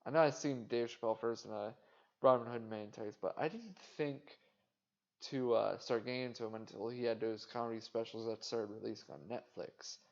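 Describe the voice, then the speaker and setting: A man hosting a podcast, rambling casually in a flat, indifferent way, swearing and making fun of himself. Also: mid-range voice, a little fast, vocal fry. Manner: casual, swearing, self-mocking. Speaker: podcast host. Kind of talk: rambling solo monologue. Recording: dull lo-fi sound.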